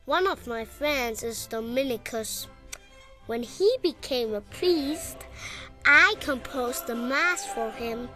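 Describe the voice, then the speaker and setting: A woman's voice: fairly high pitch, lively intonation, slow pace, bright, forceful tone, faint music behind, full character voice. A woman voicing a cheerful, proud young male composer telling his own story for an audio guide.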